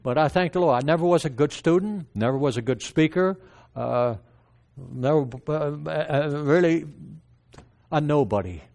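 A man's voice: fairly high pitch, creaky, a little mellow. Older Dutch-accented man giving testimony. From Netherlands. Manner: halting, many restarts and fillers. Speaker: preacher. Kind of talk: personal testimony sermon.

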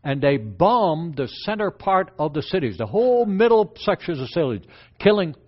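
Older Dutch-accented man preaching, slightly high voice, halting plain delivery, dull lo-fi recording. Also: big pitch swings. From Netherlands. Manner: plain, halting storytelling with many fillers. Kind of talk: sermon with personal testimony. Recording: dull lo-fi sound.

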